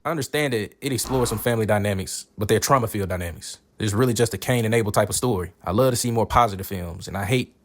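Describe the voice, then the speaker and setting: A man's voice: on the low side, fast talker, few pauses. A man hosting a movie reaction, talking casually with blunt, profane opinions and laughing asides.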